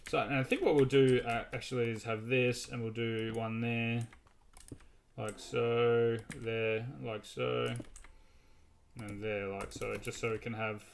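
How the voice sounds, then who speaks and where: A man's voice: medium pitch, level tone, unhurried, gravelly, a little hiss or hum. A man hosting a casual gaming video, narrating his building as he goes in a chatty, rambling way with many restarts. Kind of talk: casual gameplay commentary.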